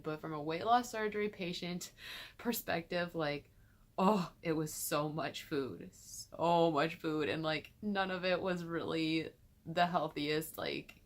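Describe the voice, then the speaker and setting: A young woman from Michigan talking casually to her camera in a small bedroom, chatty and full of "like" fillers. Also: sits low. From Michigan, USA. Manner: chatty, filler-heavy, frequent "like" and laughs. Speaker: vlogger. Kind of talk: casual vlog chat.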